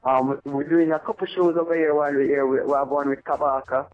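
Guy on a tinny phone line, kinda high voice, rambling, faint music behind. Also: little pitch movement, fast talker. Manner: rambling, repeats "you know what I mean". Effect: over the phone. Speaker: reggae artist guest. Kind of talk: phone interview, casual.

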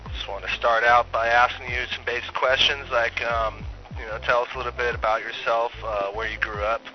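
A man's voice: medium pitch, level tone, brisk. A man heard over the phone, a DJ casually interviewing a guest. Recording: dull phone line with music underneath.

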